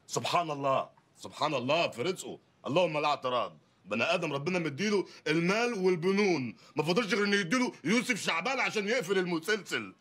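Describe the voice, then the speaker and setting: An actor playing a poor, bumbling loudmouth lawyer husband in a comedy film, ranting and sarcastic in an Egyptian accent. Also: male voice, a little high, lively intonation, fast talker, few pauses. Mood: mocking. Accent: Egyptian Arabic. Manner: ranting, sarcastic, wildly swinging delivery.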